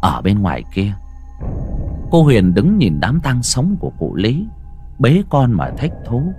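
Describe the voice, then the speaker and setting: A man narrating a ghost story theatrically, dropping to a hush and rising sharply. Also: medium pitch, wildly swooping pitch, a little slow, faint music behind. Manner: theatrical, swings from hushed to loud.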